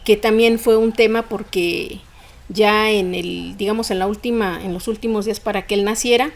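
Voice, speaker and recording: A woman's voice: medium pitch, steady tone, moderate pace, creaky. A woman, a podcast guest telling a personal story in conversation, emotional and fluent, with frequent fillers.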